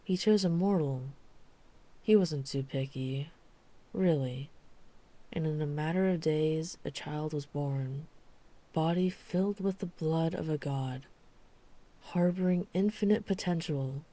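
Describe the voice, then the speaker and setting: In an urban fantasy audio roleplay, a woman plays a dry-witted vampire hunter whose voice is very low for a woman and softly dark. She tells her story in a measured, deliberate way, like a guarded person confiding in a friend, with dry asides. Her mood is grave and wry.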